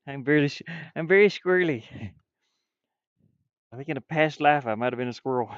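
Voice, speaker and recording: While working on game art during a livestream, a developer chats casually, rambling and half muttering. His voice is fairly high with lively intonation and a moderate pace. There is no room sound, and the quality is lo-fi.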